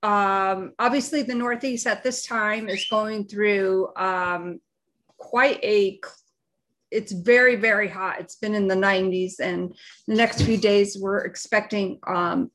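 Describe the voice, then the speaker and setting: A woman co-hosting a live podcast, giving unscripted opinions in a halting, deliberate way as she searches for words. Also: mid-range voice, fairly even intonation, fairly bright tone. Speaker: live show and podcast co-host.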